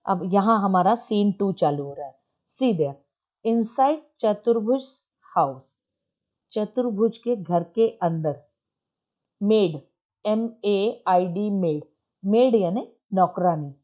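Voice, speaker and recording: Woman English teacher, slow and patient, explains in Hindi, spells words out, dull lo-fi recording. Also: medium pitch, lively intonation.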